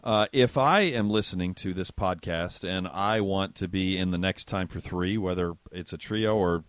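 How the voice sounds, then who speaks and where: Deep-voiced joking podcast host. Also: male voice, moderate pace, clear, resonant tone, dry recording. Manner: joking, chatty. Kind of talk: casual podcast interview.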